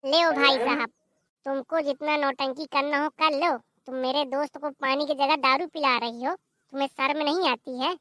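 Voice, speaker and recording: A shrill, exasperated village husband in a cartoon comedy, forever scolding and griping, voiced by a performer. The tone is very high and bright. It sounds close and dry, with no room around it. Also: steady tone, moderate pace, dry recording. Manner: shouting, complaining, scolding. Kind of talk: animated comedy voice acting.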